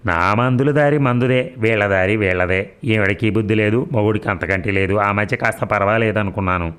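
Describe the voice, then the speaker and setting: A man voicing a short-tempered older male doctor who talks bluntly and loudly, scolding everyone around him. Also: lowish voice, fairly quick, clean tone, close to an everyday voice. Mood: irritated.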